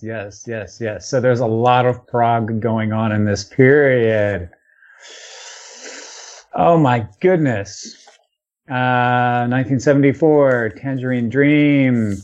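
A man hosting a podcast, talking casually and rattling off one title after another. He sounds relaxed and loose, dropping the odd swear word. The recording is dull and slightly lo-fi. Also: mid-range voice. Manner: rattles off long lists, with fillers and profanity. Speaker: podcast host. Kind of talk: casual chat listing albums.

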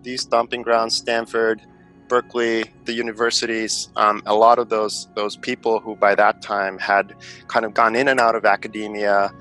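Middle-aged Finnish-born male investor guest, low bright voice, hesitant and reflective, faint music underneath. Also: flat delivery, normal speed, rough recording. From Finland. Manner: thoughtful, many fillers and restarts. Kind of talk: conversational interview answers.

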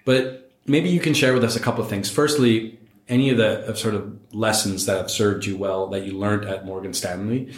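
A man with a fairly low voice hosts an interview podcast, talking in a loose, conversational way. He restarts and repeats words as he thinks aloud. The sound is noticeably roomy and echoey. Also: moderate pace. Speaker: podcast host.

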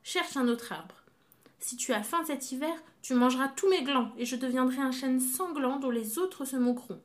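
A woman voicing an indignant, proud old oak tree who refuses loudly in a storybook tale. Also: high-pitched, moderate pace, lightly acted. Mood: outraged. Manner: outraged, loud.

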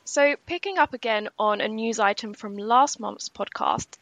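A woman co-hosting a podcast, reading a scripted pension news summary in a measured, explanatory way. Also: on the high side, fairly bright tone, dry recording. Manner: measured and explanatory, slowing for key points. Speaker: podcast co-host.

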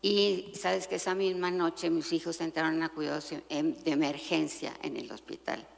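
A woman's voice: sits low, steady tone, moderate pace, creaky. A woman earnestly sharing a testimony in a women's group, with a preachy tone. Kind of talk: casual testimony. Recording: reverberant room.

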